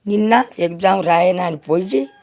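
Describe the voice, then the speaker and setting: A woman's voice: lowish voice, normal speed, a little mellow. A middle-aged woman with a Telangana Telugu accent, weeping as she tells a reporter about her loss, often crying out to God and to her son. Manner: lamenting, repeats cries to God and her son. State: weeping and wailing. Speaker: grieving mother interviewed. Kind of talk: emotional interview testimony.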